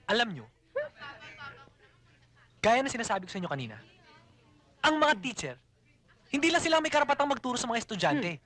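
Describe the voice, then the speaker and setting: A sassy bold student. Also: female voice, fairly high pitch, very animated, brisk, long pauses, fairly bright tone. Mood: lecturing. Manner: sassy, lecturing. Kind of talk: comedic film acting.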